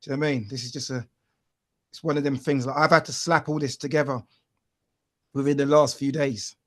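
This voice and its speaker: Chatty podcast host, dry sound. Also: male voice, mid-range voice, fairly even intonation, fairly quick, no echo. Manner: chatty, filler-heavy, keeps asking "you know what I mean". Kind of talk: casual podcast interview.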